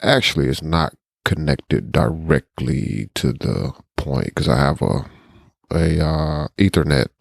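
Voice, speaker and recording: A man's voice: very deep voice, slow pace, vocal fry, no room sound, studio quality. A man co-hosting a podcast, explaining tech topics in a loose, conversational way. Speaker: podcast co-host. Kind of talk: casual tech chat.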